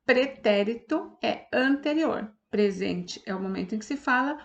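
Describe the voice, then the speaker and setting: A woman's voice: on the high side, lively intonation, unhurried. A woman teacher with a Brazilian Portuguese accent, patiently explaining a lesson step by step and often checking that students follow. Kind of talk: online class lesson.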